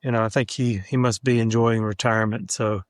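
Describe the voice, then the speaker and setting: Man, smooth clear voice, dry close sound, easygoing and thoughtful. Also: on the low side, steady tone, fairly quick, no room sound. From Mississippi, USA. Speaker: attorney, podcast guest. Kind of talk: casual interview chat.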